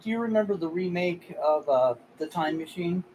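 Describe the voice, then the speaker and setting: Guy on a stream chat, kinda high voice, stumbles then rolls through a list. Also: moderate pace, dull audio, background noise. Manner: recounts film lines, hesitant starts. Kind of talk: casual group chat on a stream.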